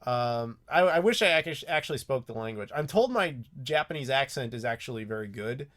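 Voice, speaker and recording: Expressive and a bit bright, this American man's medium-pitched voice moves fairly quickly as he answers live chat on his YouTube stream from the United States. He rambles casually with ums and restarts, his mechanical keyboard clacking into the desk mic.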